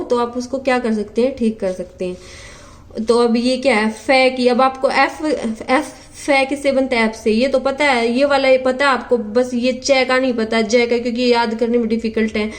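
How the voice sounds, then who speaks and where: A young woman teaching a phonetics lesson for exam prep, sounding out words slowly and answering her own questions. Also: sits high.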